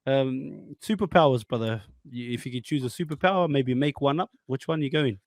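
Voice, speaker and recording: A man's voice: medium pitch, a little fast, no echo. A man with a New Zealand accent hosting a casual interview, matey and slangy, often repeating his words. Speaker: podcast host.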